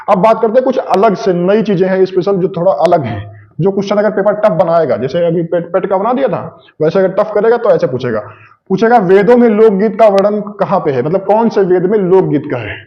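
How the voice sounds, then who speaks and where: A man's voice: high voice, animated, fairly quick, dull audio. A male coaching teacher lecturing his class, asking questions and answering them himself, repeating key points over and over. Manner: repetitive, asks and answers own questions. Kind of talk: classroom lecture with memory tricks.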